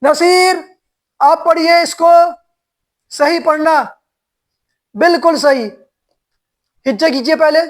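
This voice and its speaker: A man's voice: extremely high pitch, a bit bright. A man teaching a classroom recitation lesson, spelling syllable by syllable and calling on pupils to correct them. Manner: slow, drawn-out syllable-by-syllable spelling. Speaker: Quran teacher.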